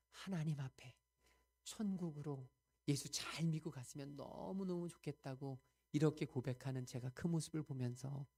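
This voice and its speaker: Earnest male pastor preaching. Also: a little high. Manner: earnest storytelling, swings between loud emphasis and hushed quotes. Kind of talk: Sunday sermon. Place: church sanctuary.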